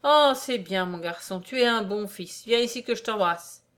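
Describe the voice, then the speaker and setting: A woman's voice: mid-range voice, expressive, moderate pace, a bit bright, natural voice. A woman reading aloud, voicing a kindly, fussy old man on crutches who talks in a fatherly, exclaiming way.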